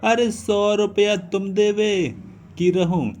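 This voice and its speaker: A man voicing a shrewd, bossy old village aunt who haggles loudly in rustic dialect. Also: mid-range voice, takes it slowly, pitched above the performer's own voice, lightly acted. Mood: haggling. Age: older.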